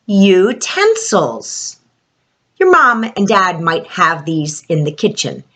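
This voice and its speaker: A woman leads a children's letter lesson with a broad, singsong delivery. Her pitch swoops up on questions and down on answers. She takes her time, drawing out important words for little listeners. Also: big pitch swings, unhurried, pushed and bright. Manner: addresses young children, stretching key words. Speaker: teacher of young children.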